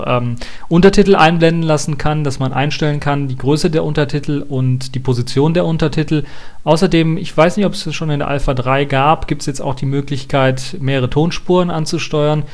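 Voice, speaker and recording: A man's voice: fairly high pitch, darkish tone. A man giving a casual spoken review of an operating system release, thinking aloud with many hesitations and restarts. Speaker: tech reviewer.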